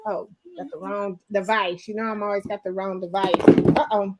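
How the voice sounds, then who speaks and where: An American woman hosting a casual live chat, folksy and animated, often repeating herself for emphasis. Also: medium pitch, normal speed, heavy background noise. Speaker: host of a late-night live girlfriend chat show.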